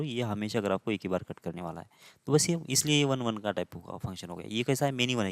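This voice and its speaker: A man's voice: mid-range voice, dry recording, clean studio sound. A male math teacher giving a conversational whiteboard lecture, often stopping to check that students follow.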